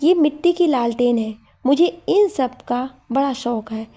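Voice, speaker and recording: A woman voicing an older, affectionate neighbour lady who talks gently and hospitably, in a storybook reading. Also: sits high, a little slow. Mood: cheerful.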